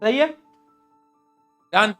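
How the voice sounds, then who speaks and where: A man's voice: very slow, a bit bright, faint music behind. A man teaching a live online science class, joking and teasing as he keeps firing questions at his students. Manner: playful, jokey, quizzes students with repeated questions; calls students "beta" in a fond, teasing way.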